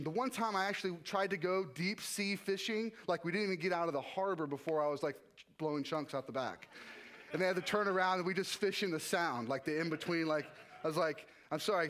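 Young male worship leader, slightly high-pitched, loose conversational sermon testimony. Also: a bit bright. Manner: casual and conversational, with frequent restarts and "like". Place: church.

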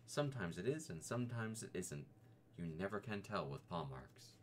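A slow, thoughtful teddy bear, as a man reads him in a storybook, earnest and gravely pompous. His deep voice rises and falls with lively swings, and a faint hiss sits behind him. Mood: mysterious. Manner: ponderous and earnest, mock-wise. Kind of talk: storybook reading.

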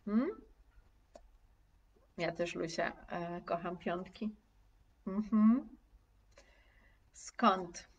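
A woman teaching a live online lesson, speaking slowly and clearly, repeating each word for her students and reading their comments aloud. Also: on the low side, far from the mic. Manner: slow, carefully articulated, repeating words for students. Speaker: language teacher.

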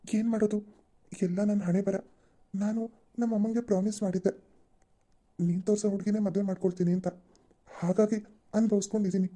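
A woman's voice: medium pitch, fairly even intonation, fairly quick, pauses often, mellow, lightly acted. A woman voicing a moody, self-pitying young husband in a cartoon. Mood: gloomy. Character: young married man, moody office worker.

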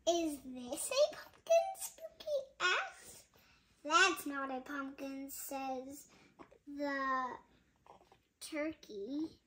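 Filmed on a phone close by, a little girl reads a bedtime picture book aloud in her bedroom at home, slow and sing-song, giggling and chatting between lines. Her female voice is high, animated, a bit bright, and extremely slow, with slight background noise.

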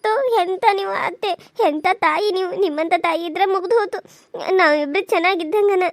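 Casting: woman voicing a very high, rapid-fire cartoon young wife, North Karnataka accent, defiant. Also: no echo. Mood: crying angry. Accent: North Karnataka Kannada. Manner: shrill, scolding, tearful outbursts. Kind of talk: Kannada cartoon serial voice acting.

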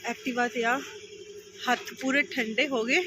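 A woman's voice: on the high side, fairly even intonation, a little slow, bright, forceful tone, husky. A young woman chatting casually to the camera in her home vlog. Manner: chatty, coaxing. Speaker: vlogger.

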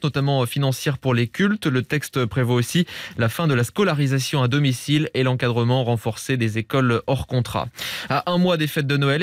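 A young man with a Parisian French accent presents a radio news bulletin. His voice sits at a medium pitch. The sound is dry and close, as from a studio microphone. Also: no echo. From Île-de-France, France. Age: young adult. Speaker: radio newsreader. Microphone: close studio microphone, with headphones.

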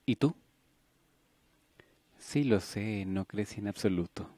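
A man's voice: on the low side, takes it slowly, dark tone, a little hiss or hum. A man voicing a bubbly, impulsive young woman nurse in an audiobook, alternating teasing and wistful tones. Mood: playful.

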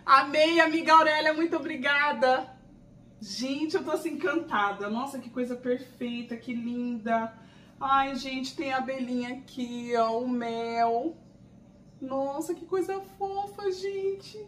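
A Brazilian woman hosting an excited unboxing vlog, gushing and exclaiming as she chats to her viewers. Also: high-pitched, measured pace, reverberant, recorded from a distance, slight background noise. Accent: Brazilian Portuguese. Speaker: channel host.

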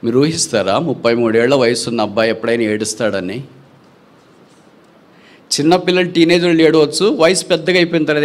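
A man preaching a sermon with big swings between loud, high passages and soft, low ones, asking rhetorical questions and dropping English phrases into his talk.

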